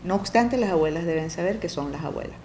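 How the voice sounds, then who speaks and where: A middle-aged woman with a warm, mellow voice talks fast as a family coach in a relaxed, conversational interview. She explains step by step, often checks that her listener is following, and acts out parent-child exchanges with lively jumps in pitch, over a faint background hiss.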